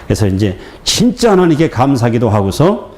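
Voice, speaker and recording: A man preaching a sermon as a pastor, telling a story with lively acted-out dialogue and laughter. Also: mid-range voice, moderate pace. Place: church sanctuary. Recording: echoey church hall with faint noise.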